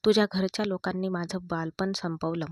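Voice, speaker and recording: A woman's voice: on the low side, steady tone, a little fast, darkish tone, no room sound, natural voice. A woman voicing a proud young mother who bitterly pushes her husband away, in a read-aloud story.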